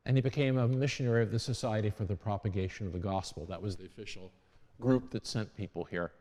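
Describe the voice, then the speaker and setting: A warm, fairly low-pitched man talks fast as he shares history with a church congregation in a chatty way, frequently restarting and self-correcting. The hall adds a long reverb.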